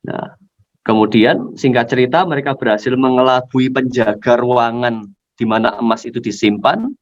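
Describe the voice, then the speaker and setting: A man preaching at a youth service, telling a story in a lively way, on a dull lo-fi recording. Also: mid-range voice, moderate pace. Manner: animated storytelling. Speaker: youth pastor. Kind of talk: storytelling sermon.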